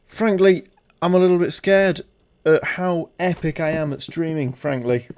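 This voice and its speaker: A man's voice: on the high side, measured pace, darkish tone, smooth. A twenty-year-old man hosting a casual gaming livestream through headset audio, upbeat and jokey as he reads out chat. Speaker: streamer.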